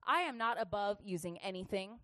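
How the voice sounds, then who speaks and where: A woman's voice: mid-range voice, animated, a little fast, pushed and bright, no room sound. A woman youth pastor telling a chatty, humorous testimony in a sermon, laughing often.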